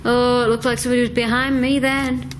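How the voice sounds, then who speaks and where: A woman investigating the paranormal, slowly and deliberately questioning an unseen spirit during a ghost-hunting vigil. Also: fairly high pitch, flat delivery, a little hiss or hum, rough recording.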